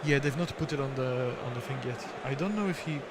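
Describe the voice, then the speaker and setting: A man's voice: medium pitch, fairly quick, very noisy. A man co-commentating a tabletop game on a livestream, casually reading out game details through headset audio. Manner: casual, reads out game info.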